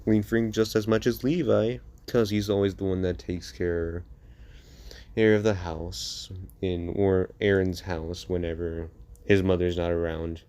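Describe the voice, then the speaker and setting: A man's voice: low voice, level tone, a little slow, darkish tone. A young man casually telling a fan-made story, rambling with many fillers and restarts.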